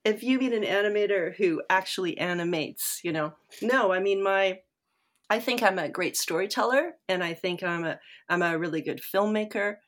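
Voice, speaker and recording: A woman's voice: mid-range voice, normal speed. A woman guest in a casual interview, rambling and self-deprecating with many fillers and restarts. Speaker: guest filmmaker.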